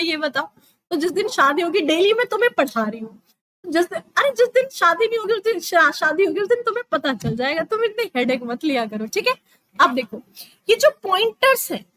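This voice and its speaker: High-voiced chatty woman teacher. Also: a bit bright, dry recording, low-quality recording. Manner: chatty, teasing students, counts aloud. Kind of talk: online exam-prep lesson.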